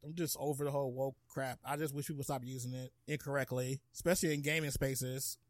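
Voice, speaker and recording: A man's voice: medium pitch, steady tone, no room sound, studio quality. Quippy laughing podcast co-host man. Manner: laughs often, quick blunt quips. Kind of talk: casual chat.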